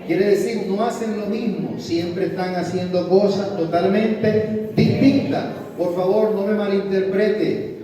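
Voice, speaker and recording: A man's voice: sits high, steady tone, a little slow, mellow. A man preaching a sermon, calling out to the congregation and prompting amens. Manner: call-and-response, prompting amens. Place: large hall. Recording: echoey hall from far off.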